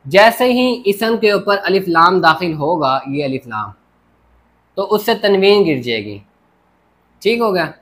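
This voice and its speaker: A man's voice: sits high, expressive, measured pace, fairly bright tone. A man teaching a grammar lesson at a board, explaining step by step and often checking with "theek ho gaya". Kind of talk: classroom lecture at a board.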